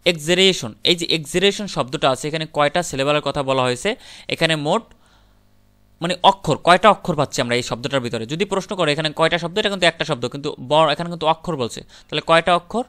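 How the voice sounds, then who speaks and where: A man teaches English grammar in a bright, ringing voice that is crisp and clear. He pitches a little high for a man. He breaks every point into small steps, asks the class a question and answers it himself, and slips English terms into his explanations. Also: fast. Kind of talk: classroom lecture.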